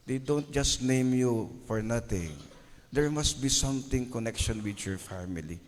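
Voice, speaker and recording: Slow-speaking Filipino priest in echoing church. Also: male voice, mid-range voice, a little mellow. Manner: preaches to a congregation, often asks "Amen?" for a reply; mixes Ilocano with English, tells stories from his own ministry. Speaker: parish priest. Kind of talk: Mass homily. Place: large church. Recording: long church reverb.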